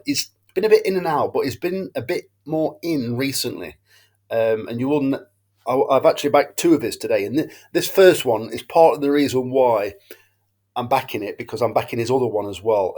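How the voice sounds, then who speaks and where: Bunged up with a cold and a hangover, an Englishman rambles through his horse racing tips in a casual monologue to camera, often correcting himself and losing his thread. His medium-pitched voice is brisk and a little mellow.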